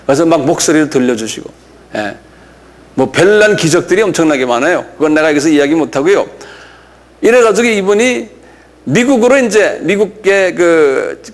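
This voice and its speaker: An older man, a pastor, telling a story in a casual, conversational way during a lecture sermon, often pausing to say "yes". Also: a little high. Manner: conversational, folksy storytelling with frequent "예" affirmations.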